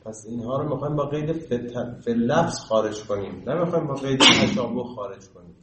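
A man's voice: mid-range voice, animated, echoey room, heavy background noise. A male student in a classroom, pressing his teacher with objections. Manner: persistent, argues his point. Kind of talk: classroom question and debate.

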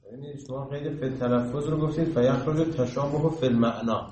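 A man's voice: mid-range voice, steady tone, warm tone, echoey room, a little hiss or hum, low-quality recording. A male student in a classroom, pressing his teacher with objections. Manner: persistent, argues his point. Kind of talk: classroom question and debate.

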